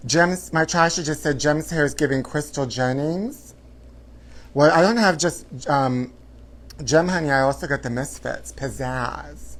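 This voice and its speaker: A man hosting a live gossip show in casual chat, with a sassy, campy, theatrical drag-queen style of talking. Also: a little high. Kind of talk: casual livestream chat to viewers.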